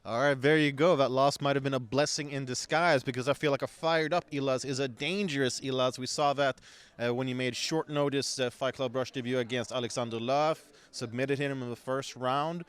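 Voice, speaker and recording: A man's voice: medium pitch, fairly even intonation, a little fast, smooth. Male sports interviewer, clean resonant voice, polished promotional presenting for a fight event.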